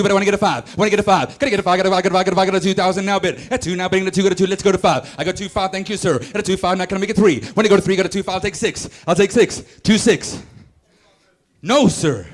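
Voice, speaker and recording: Male auctioneer, high register, rattling off repetitive rhythmic bids at speed. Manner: repetitive rolling bid-calling. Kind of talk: rapid rhythmic auctioneer chant.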